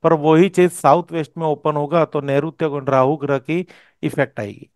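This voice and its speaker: Man teaching a lesson, clear voice. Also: fairly high pitch, steady tone, moderate pace, a little mellow, no echo, studio quality. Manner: explanatory, checks understanding with "okay?". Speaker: vastu teacher. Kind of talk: explaining while teaching a course.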